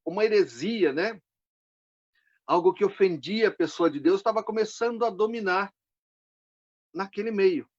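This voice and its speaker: A man's voice: high voice, dull audio. A man preaching a devotional Bible message in a conversational way, often checking in with his listeners.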